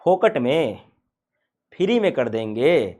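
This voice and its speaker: A man voicing a small insect that haggles over doing work for free, in a lower, quieter, bargaining tone. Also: big pitch swings, slow. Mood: wheedling. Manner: wheedling, bargaining.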